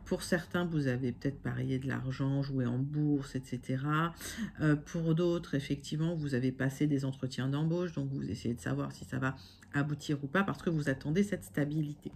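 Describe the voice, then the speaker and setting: A woman's voice: rumbling low, normal speed, vocal fry, a little mellow, a little hiss or hum. A woman giving a casual online tarot reading. She talks straight to her viewers as friends, reassuring them, with frequent fillers and self-corrections. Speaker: tarot card reader.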